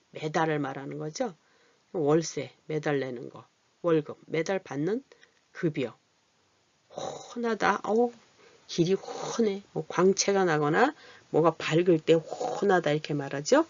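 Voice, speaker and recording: An adult literacy teacher explaining vowels patiently, asking rhetorical questions and reading example words slowly. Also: medium pitch, a little mellow, no echo, highs cut off. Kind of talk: Korean vowel lesson.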